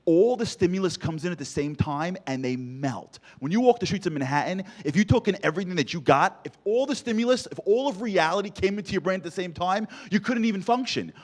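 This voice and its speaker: A man's voice: high voice, animated, a little fast, few pauses. A man giving a comic, storytelling motivational speech, punchy and full of rhetorical questions. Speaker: motivational speaker.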